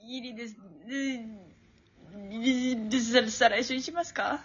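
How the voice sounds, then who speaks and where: Brisk, husky woman in her twenties; laughing radio host, lo-fi sound. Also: fairly high pitch, steady tone. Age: 20s. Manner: chatty, laughing storyteller, acts out relatives' voices. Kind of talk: casual radio chat.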